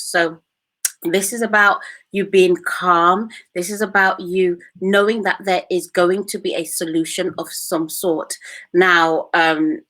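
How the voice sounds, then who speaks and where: A woman with a British accent presenting a casual hair-care tutorial, talking in a calm, reassuring way with many "you know"s. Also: fairly low pitch. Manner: reassuring, repetitive, uses fillers like "you know".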